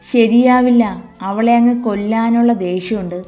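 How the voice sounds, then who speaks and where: A woman's voice: fairly high pitch, moderate pace, mellow, faint music behind, natural voice. A woman storyteller voicing a spiteful, spoiled young woman who speaks petulantly and vengefully.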